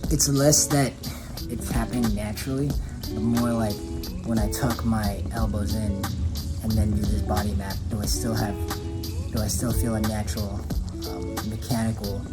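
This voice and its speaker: A man's voice: on the low side, level tone, normal speed. A man vlogging in a casual, laid-back way, talking slangy and calling people dude and bro. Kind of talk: casual vlog monologue. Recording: loud background music.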